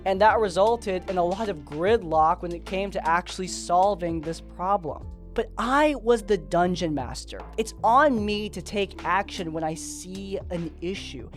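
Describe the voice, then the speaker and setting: A man hosting a tabletop gaming tips video, talking in a candid, expressive and self-deprecating way. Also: high voice, unhurried, few pauses, faint music behind. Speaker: YouTube RPG tips host. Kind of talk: casual talking-head commentary.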